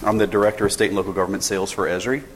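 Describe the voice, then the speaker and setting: A sales director in his forties races through an informal conference presentation very fast, his lowish voice delivered flatly. He polls the crowd with questions and restarts his sentences many times. The conference session room is a reverberant hall, and his tethered mic picks up faint ambience and slight background noise.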